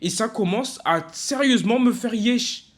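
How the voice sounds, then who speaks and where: A young man from France ranting casually in a video, frustrated and emphatic, halting often with fillers and restarts. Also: very high-pitched. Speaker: football vlogger.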